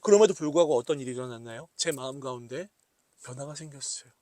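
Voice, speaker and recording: A man's voice: mid-range voice, fast, dark tone, no room sound. A male pastor preaching a sermon, asking the congregation questions and acting out prayers. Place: church sanctuary.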